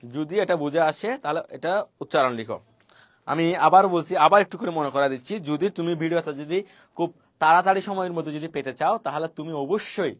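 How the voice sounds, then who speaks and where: A man with a fairly high-pitched voice teaches pronunciation rules in a fast spoken online lesson, restating each point and putting questions to his students. There's no echo in the recording.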